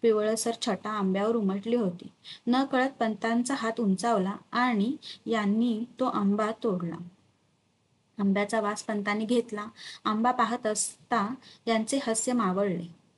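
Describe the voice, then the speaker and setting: A woman reading a historical novel aloud in a measured, dramatic storytelling manner. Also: fairly high pitch, steady tone, husky. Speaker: narrator.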